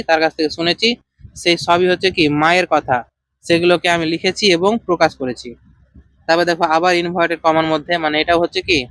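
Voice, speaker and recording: A man with a Bengali accent, teaching an English textbook lesson line by line, slowly and haltingly, with fillers and questions to his students. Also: high-pitched, a bit bright, no room sound. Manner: slow, halting, with many fillers and rhetorical questions.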